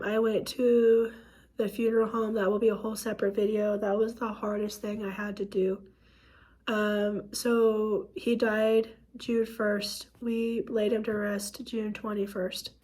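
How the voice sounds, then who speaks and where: A woman with a hoarse, worn voice speaks in a fairly high register, though her pitch stays flat and level. She tells a painful personal story haltingly, with many pauses and fillers. Her comes through plainly. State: hoarse from illness. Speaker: vlogger.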